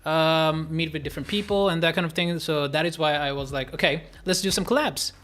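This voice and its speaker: A man from Pakistan, chatting on a livestream in a hesitant, halting way with lots of fillers. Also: a little high, fairly bright tone. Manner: hesitant, halting with many fillers and quick laughs. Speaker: streamer hosting a collab. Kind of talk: casual chat on a livestream. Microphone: podcast dynamic microphone.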